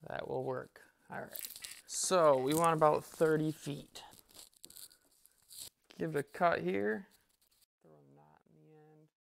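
A man's voice: fairly high pitch, takes it slowly, creaky, pauses often, slight background noise. A young man vlogging outdoors in a park as he trains his puppy, switching between casual talk to viewers and upbeat praise and commands for the dog.

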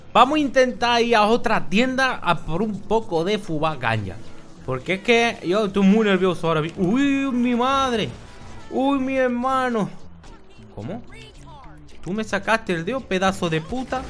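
A man's voice: sits high, lively intonation, normal speed, a bit bright, faint music behind. A man voicing a stoned, rambling drug-addict character who swears a lot, as comic commentary over gameplay. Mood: goofy, rambling. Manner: rambling, swearing, keeps calling people "my brother". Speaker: gaming YouTuber in character.

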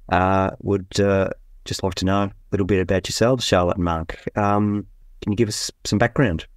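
A male podcast host with a fairly low voice introduces guests and asks interview questions, with clean studio sound and no echo. He uses lots of ums and uhs, with many fillers and restarts as he introduces the guests.

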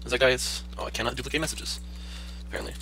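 A man's voice: mid-range voice, steady tone, very fast, pushed and bright, slight background noise. A man hosting a gaming channel who sounds slightly sick, rambling casually and muttering to himself as he plays. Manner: rambling, talks to himself while playing. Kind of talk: casual gameplay commentary.

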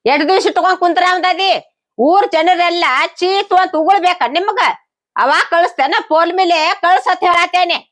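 A woman's voice: very high-pitched, steady tone, normal speed. Woman playing a scolding village wife. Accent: North Karnataka Kannada. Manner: argumentative, defensive, scolding. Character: sharp-tongued wife quarrelling with her husband. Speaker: wife in a comedy skit.

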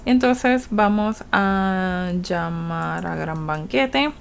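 A woman's voice: lowish voice, very slow, creaky, slight background noise. A woman with a Puerto Rican Spanish accent giving casual, chatty gameplay commentary, laughing often and voicing her game characters. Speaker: gaming YouTuber.

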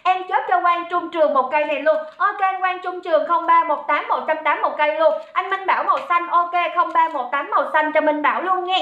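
A woman's voice: very high voice, fairly quick, few pauses, roomy sound, dull audio. A woman running a live-stream sale, chatty and calling out viewers by name. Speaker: livestream seller. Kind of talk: live-stream sales chat.

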